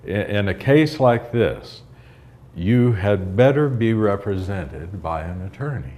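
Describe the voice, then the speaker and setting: An actor playing a patient, slightly flustered judge in a courtroom drama, with hesitant, conversational authority. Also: male voice, on the low side, lively intonation, slow pace, warm tone, slight background noise. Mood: explaining, firm. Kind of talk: acted courtroom drama dialogue.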